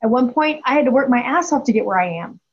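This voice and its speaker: A woman's voice: on the high side, expressive, fast, husky. A woman in her forties, speaking as a guest and telling a story candidly, with emphasis and frequent restarts. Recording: dull lo-fi audio.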